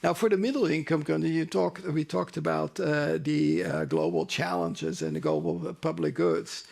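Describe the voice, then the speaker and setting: High, very creaky man's voice. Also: animated, normal speed, a little mellow. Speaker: development bank official on a panel. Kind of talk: explanatory panel talk.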